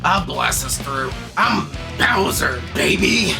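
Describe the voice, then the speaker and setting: A performer voicing a huge, blustering male turtle monster king in a video game, crude and impatient, in a booming villain monologue. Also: very animated, slow, vocal fry, heavily acted. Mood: brash. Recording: loud game music behind.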